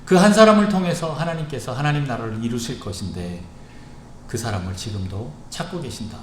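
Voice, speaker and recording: A male pastor gives an evening sermon in an echoey church sanctuary. He speaks earnestly and with emphasis, pausing often between phrases. His voice sits at a middle pitch, with a faint hiss under the room's echo. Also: expressive. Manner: earnest and emphatic, with frequent pauses.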